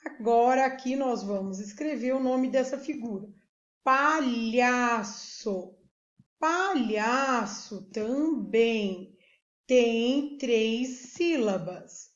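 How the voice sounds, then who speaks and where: A woman teacher walks through a literacy lesson, spelling each word out syllable by syllable. Her voice sits a little high and she talks very slowly. The room echoes, and the sound is dull and lo-fi. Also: dark tone. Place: remote classroom video recording.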